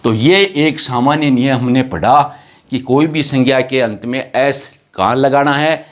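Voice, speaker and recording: Slow, deliberate male teacher. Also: medium pitch. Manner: slow, repeats words and sounds one by one. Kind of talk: grammar lesson.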